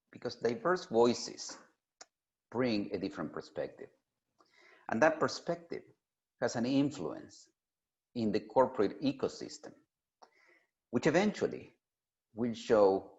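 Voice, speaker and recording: A man delivers a prepared keynote address, speaking emphatically and deliberately with pauses for emphasis. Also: on the low side. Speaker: keynote speaker at an industry summit. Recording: dull, lo-fi sound.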